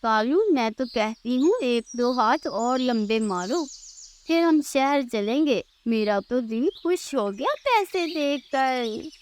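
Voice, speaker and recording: A woman voicing a greedy female thief bird, the thief's wife, with a shrill, wailing manner. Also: animated, takes it slowly, slight background noise. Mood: greedy scheming. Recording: faint music behind the voice.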